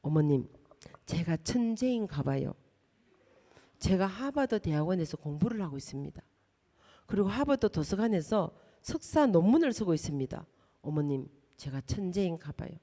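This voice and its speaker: A woman's voice: fairly low pitch, sing-song, normal speed, dark tone, big-room sound, pitched below the performer's own voice. A woman voicing her grown son, a polite and proud young man who speaks formally.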